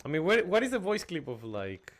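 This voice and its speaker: A man livestreaming a video game with casual, jokey, halting commentary to his chat. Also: a little high, huge pitch swings, fairly bright tone. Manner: jokey, chatty, halting fillers.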